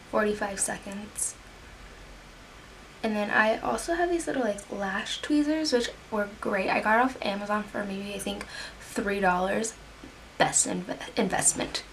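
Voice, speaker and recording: A woman's voice: medium pitch, gravelly, a little hiss or hum. A young woman talking casually through a makeup tutorial at home, chatting while she works and sometimes dropping to a whisper. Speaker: beauty vlogger.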